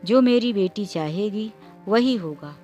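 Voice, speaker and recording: A woman voicing a gentle middle-aged mother who speaks calmly and coaxingly. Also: mid-range voice, unhurried, highs cut off, faint music behind, close to an everyday voice. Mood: soothing. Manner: calm, coaxing.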